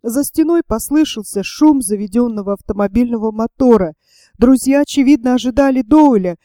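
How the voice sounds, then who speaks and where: A woman narrating a novel as an audiobook in a steady, measured reading. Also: fairly high pitch, no room sound, studio quality.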